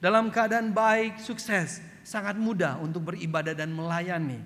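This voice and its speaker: A male pastor from Flores in eastern Indonesia, preaching a sermon and telling a story, acting out shouted quotes and often adding "gitu ya". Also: steady tone, measured pace. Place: church hall. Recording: long hall reverb, faint rumble.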